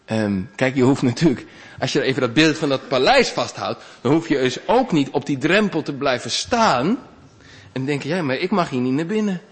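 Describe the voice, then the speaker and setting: Man preaching a sermon, conversational, lively rises and drops in pitch. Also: normal speed, husky. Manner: conversational, animated preaching with wide swings in pitch. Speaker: pastor.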